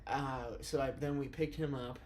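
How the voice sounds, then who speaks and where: A man's voice: medium pitch, steady tone, normal speed, darkish tone, slight background noise. A young man hosting a podcast, chatting casually and rambling with lots of restarts and fillers like "dude" and "like". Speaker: podcast host. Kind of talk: casual chat.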